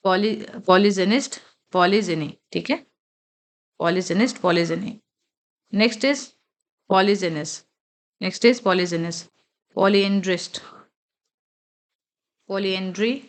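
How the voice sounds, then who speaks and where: A woman teaching vocabulary at a patient, unhurried pace. She pronounces English words one by one and repeats them. She keeps checking that the listener is following. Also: medium pitch. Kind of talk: vocabulary lesson.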